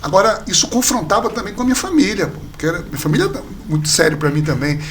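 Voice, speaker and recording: Homem de voz aguda contando história. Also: male voice, sits high, rapid-fire, slight background noise. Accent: Brazilian Portuguese. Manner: animated storyteller, acts out quoted dialogue. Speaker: pastor, podcast guest. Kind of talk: casual storytelling conversation.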